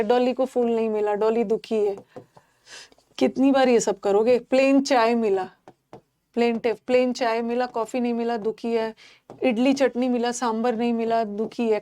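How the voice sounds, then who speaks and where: Animated woman teaching English vocabulary. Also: a little high. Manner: animated, mixes Hindi and English, repeats words for students. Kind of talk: live online vocabulary class.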